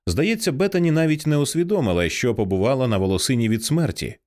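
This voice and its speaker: A man narrating an audiobook in an expressive, dramatic reading style. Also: mid-range voice, fast. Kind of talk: scripted narration.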